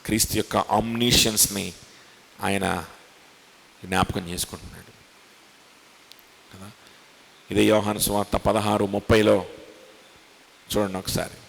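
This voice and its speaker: A man's voice: fairly low pitch, little pitch movement, a little slow, creaky, long pauses, fairly bright tone, in a large hall. A man preaching a sermon as pastor, asking rhetorical questions and acting out the voices he quotes. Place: church hall.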